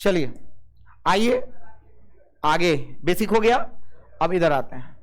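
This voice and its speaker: High-voiced physics teacher. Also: male voice, expressive, takes it slowly. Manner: keeps asking the class "yes or no?" and calling students "babu"; mixes English physics terms into Hindi. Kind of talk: classroom lecture.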